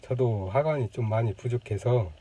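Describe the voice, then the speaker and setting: Mellow-voiced man explaining to camera. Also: medium pitch, moderate pace. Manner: thoughtful, many fillers, demonstrates sounds. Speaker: channel host. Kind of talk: casual explanatory talk to camera. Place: indoors on a lunch break. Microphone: camera mic.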